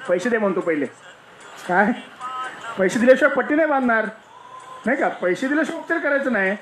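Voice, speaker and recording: Devotional preacher, mid-pitched voice, explains step by step and repeats key points. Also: expressive, fast, a bit bright, soft background music. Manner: asks rhetorical questions and answers them. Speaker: spiritual discourse speaker. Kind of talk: devotional discourse with a parable.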